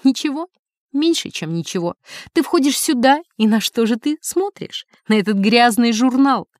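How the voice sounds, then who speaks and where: A woman reading as a furious rich wife who scolds her husband in a shrill, scolding voice. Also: lively intonation, normal speed, a little mellow, no room sound, clean studio sound, close to an everyday voice. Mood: reproachful. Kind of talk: audiobook character reading.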